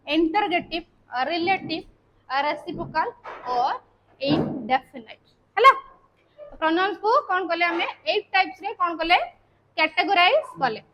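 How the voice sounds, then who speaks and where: A woman's voice: very high-pitched, fairly bright tone, rough recording. A woman teaching a grammar lesson, explaining patiently step by step and often ending points with a checking tag. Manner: patient step-by-step explaining, repeating key terms. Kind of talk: classroom lesson.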